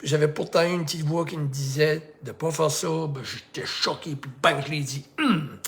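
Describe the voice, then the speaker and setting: Quebecois life coach guy, kinda high voice, rambly and repetitive pep talk. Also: normal speed, gravelly, fairly bright tone. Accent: Québécois French. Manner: rambling, repetitive, acts out dialogue. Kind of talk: casual motivational monologue.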